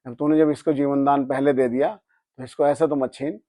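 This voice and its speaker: A spiritual storyteller shares a personal anecdote in casual, animated speech, acting out the dialogue and raising his voice when anger enters the story. His medium-pitched voice is brisk, captured in a dry, clean studio recording.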